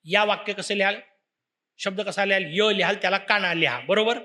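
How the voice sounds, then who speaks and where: High-voiced man giving a devotional lecture. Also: moderate pace. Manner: rhetorical questions, animated storytelling. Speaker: religious discourse speaker.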